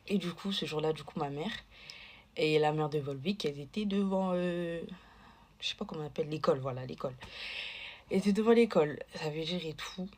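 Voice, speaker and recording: A woman's voice: sits low, fairly quick, darkish tone. Chatty woman telling a story. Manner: chatty, digressive, lots of fillers and asides. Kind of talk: casual storytime to camera.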